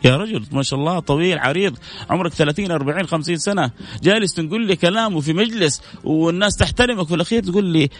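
A middle-aged man with a Saudi accent hosting a religious advice talk show, animated and preachy, with mocking asides. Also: fairly high pitch, very fast, soft background music. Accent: Saudi Arabic. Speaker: host.

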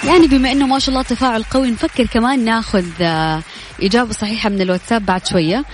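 Woman, Saudi Hejazi accent, live radio quiz presenter, rapid delivery, chatty congratulations, faint music behind. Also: on the high side. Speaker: radio quiz show host.

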